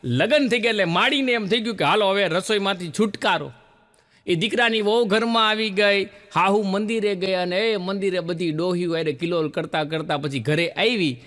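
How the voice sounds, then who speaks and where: Gujarati guy doing stand-up, high voice, acts out all the characters, reverby hall. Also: moderate pace. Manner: animated storyteller acting out quoted characters. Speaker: stand-up comedian. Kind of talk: Gujarati joke telling to a laughing audience.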